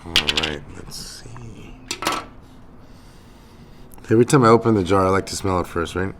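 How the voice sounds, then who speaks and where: A man's voice: low-pitched, measured pace. A man giving a casual tasting commentary as a cannabis reviewer, musing in a laid-back stoner manner. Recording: clearly noisy recording with clicks.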